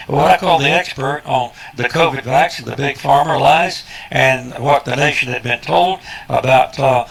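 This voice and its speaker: A male host interviewer runs a broadcast interview programme with formal introductions, speaking in a formal, emphatic, preacherly style and addressing his listeners. His mid-range voice is gravelly, husky and fairly bright, and the recording is rough.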